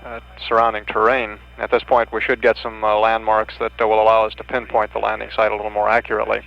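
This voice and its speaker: A man giving halting, measured, unscripted mission commentary on an archival broadcast. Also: lowish voice, monotone, vocal fry. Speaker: mission public affairs commentator. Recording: dull archival broadcast with hum.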